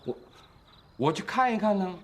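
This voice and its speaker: A sulky, defensive son speaks. His slightly high voice bounces around as he justifies himself in a family TV drama. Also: sing-song, normal speed, slight background noise. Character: sheepish son who faked a diagnosis.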